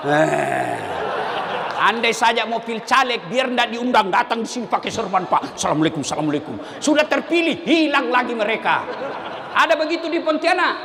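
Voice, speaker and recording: A man preaching a humorous sermon, animated and shouting questions to the crowd. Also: extremely high pitch, normal speed, vocal fry, background noise. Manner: animated, shouting call-and-response questions, mimicking voices. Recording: long hall reverb, faint ambience.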